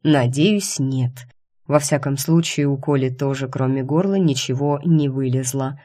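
A woman's voice: very deep voice, unhurried, mellow. Storybook doctor husband, caring and insistent, read by a woman narrator. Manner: fussy and insistent about her health.

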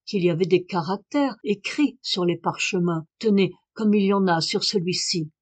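A woman's voice: lowish voice, normal speed, no echo, natural voice. A woman voicing an aristocratic male scholar, speaking with urgent, exalted passion. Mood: insistent.

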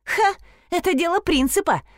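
A woman voicing a brash, crude, squabbling rich blonde woman who talks in loud, shrill, slangy outbursts. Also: very animated, unhurried, dry recording, studio quality. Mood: defiant.

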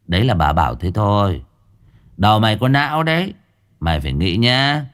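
A cold, menacing exorcist master, as a male narrator puts him on, low and unhurried, sliding from sweet talk into threats. His pitch swings widely between quiet and sharp lines. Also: big pitch swings. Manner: slow, threatening, mock-sweet.

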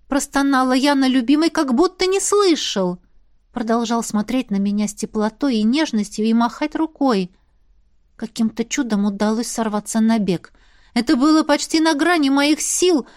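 A woman reads a first-person fantasy tale in a fairly high voice, recorded dry and close. She shifts between hushed, tense passages and rising cries. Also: dry recording. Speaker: audiobook narrator.

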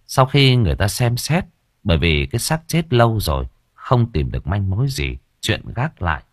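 A man's voice: lowish voice, big pitch swings, moderate pace, dry recording, studio quality. A man narrating a horror story in a dramatic, emphatic storytelling manner.

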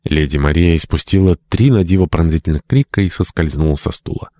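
Male audiobook narrator, very deep voice, measured, dry close sound. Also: mellow, dry recording. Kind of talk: scripted narration.

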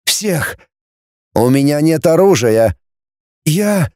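A man's voice: a little high, big pitch swings, slow, darkish tone, no echo, studio quality, pitched above the performer's own voice. A man voicing a desperate young male graduate torn by grief, speaking in broken outbursts. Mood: vengeful.

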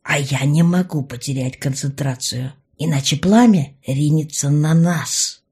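A protective young shapeshifting mage in an audiobook, as a woman lowers her voice for him, calm and firm in his lower register. His tone stays slightly husky and breathy. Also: unhurried, heavily acted. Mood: strained. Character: steady young male cat-shifter mage, protective.

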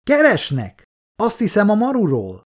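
A male audiobook reader voicing an anxious crew member who speaks in a hurried, raised voice. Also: sits high, huge pitch swings, voice pushed up. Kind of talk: audiobook character voice.

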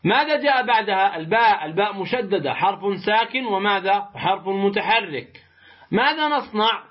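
A man teaching a tajweed lesson, explaining slowly and deliberately, pausing to pose rhetorical questions to his students. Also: high-pitched, lively intonation. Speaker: Quran recitation teacher. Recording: muffled lo-fi recording.

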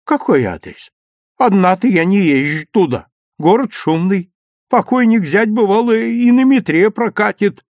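A man's voice: sits high, animated, a little slow, darkish tone, no echo, clean studio sound, pitched above the performer's own voice. A man reading a story aloud, voicing a fussy old village grandmother who scolds and grumbles. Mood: grumbling. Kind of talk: audiobook reading.

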